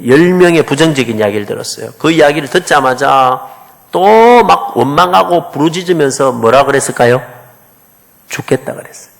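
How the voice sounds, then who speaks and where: A man's voice: mid-range voice, animated, fairly quick, gravelly. A man preaching a sermon as a pastor, questioning the congregation.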